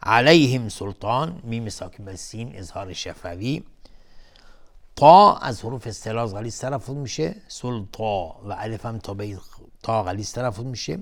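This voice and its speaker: In a TV studio, a man with a fairly low, expressive voice teaches Quran recitation on television, explaining the rules in a measured way and naming each term one by one. He introduces each verse with a slow chant at a raised pitch.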